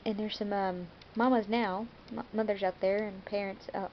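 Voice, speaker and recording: An American woman chats to the camera in a loose, rambling vlog, with plenty of "um"s and self-corrections along the way. Her pitch sits in an ordinary middle range. The audio is a bit dull and lo-fi, with a faint hum of room ambience behind her. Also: steady tone, normal speed. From United States. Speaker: vlogger. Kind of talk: casual vlog monologue.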